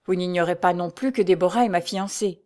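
A woman's voice: on the low side, brisk, darkish tone, close to an everyday voice. Woman reading an ardent young nobleman. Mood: pleading.

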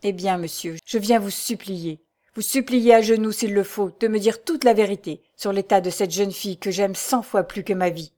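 A woman's voice: mid-range voice, moderate pace, dark tone, close to an everyday voice. A woman reading the part of a young nobleman, ardent and pleading, pressing with urgent questions.

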